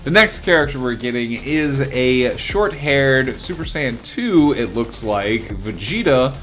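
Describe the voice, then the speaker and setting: A man's voice: medium pitch, expressive, unhurried, a bit bright, faint music behind. A young man hosting a gaming video, chatting casually and rambling with fillers. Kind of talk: casual commentary on game news.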